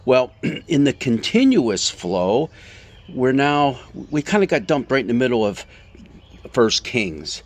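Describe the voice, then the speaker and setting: A man speaking as a pastor in an informal Bible talk, telling the story in a lively, conversational way full of asides. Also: mid-range voice, slow.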